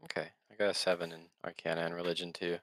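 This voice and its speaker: Man, game player, casual chat, lowish, bright tone. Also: flat delivery, racing, no echo.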